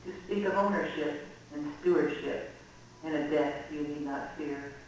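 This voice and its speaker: A man's voice: fairly high pitch, unhurried. Echoey, kindly ghost of an old-time chief played by a man. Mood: solemn, kindly. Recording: echoey room from far off, faint noise.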